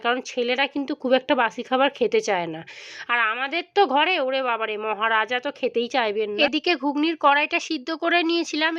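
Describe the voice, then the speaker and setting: A hoarse woman with a Bengali accent, chatting to viewers while doing chores in her home kitchen. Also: sits high, a bit bright, lo-fi sound. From India. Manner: chatty, confiding, addressing viewers directly. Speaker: vlogger. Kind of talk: casual home vlog narration.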